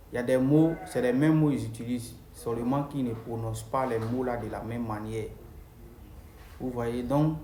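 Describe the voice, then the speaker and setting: A man's voice: mid-range voice, darkish tone, slight background noise. A man giving a casual video lesson on English pronunciation, talking straight to his viewers and repeating his key points. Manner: repeats key phrases, addresses viewers directly. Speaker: English teacher. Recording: roomy with faint ambience.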